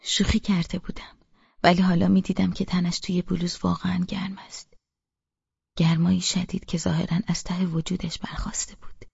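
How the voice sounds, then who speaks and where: Hushed, husky woman narrating a novel. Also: on the low side, dry recording, highs cut off. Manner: hushed, half-whispered reading. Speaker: audiobook narrator. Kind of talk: first-person novel narration.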